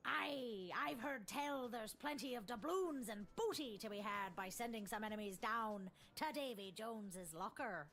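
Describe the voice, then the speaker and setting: A swaggering female pirate captain from a video game, pitched high. She is a boisterous old sea dog with a theatrical stage pirate accent and salty, archaic turns of phrase. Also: animated, normal speed, hardly any pauses, a bit bright. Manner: theatrical, archaic nautical slang.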